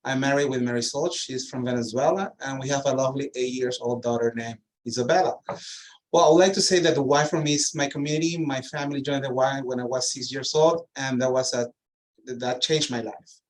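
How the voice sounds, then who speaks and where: A man's voice: medium pitch, brisk, rough recording. A middle-aged man from Peru, introducing himself earnestly on a panel. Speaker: community director, panelist.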